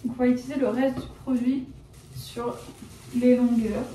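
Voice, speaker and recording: A woman's voice: fairly high pitch, steady tone, normal speed, warm tone, distant mic, slight background noise. A young woman chatting casually in a vlog as she dyes her hair, rambling and correcting herself with many fillers. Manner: rambling, self-correcting, lots of fillers like genre and euh; shy and reserved by her own account. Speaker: vlogger. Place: at home, indoors. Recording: roomy, from off the mic, faint background ambience.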